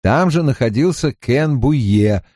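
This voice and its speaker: A male audiobook narrator reading a fantasy novel with lively, animated intonation that rises and falls through each sentence. His pitch sits in the middle for a man. The recording is dry and close, with no room sound. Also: slow, no echo. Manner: expressive, storytelling delivery.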